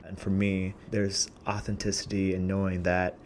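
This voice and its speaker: A young man earnestly telling a personal story about growing up and joining a singing community, reflective and unhurried. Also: sits low, monotone, slight background noise. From Portland, USA. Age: young adult. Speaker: singer telling his story.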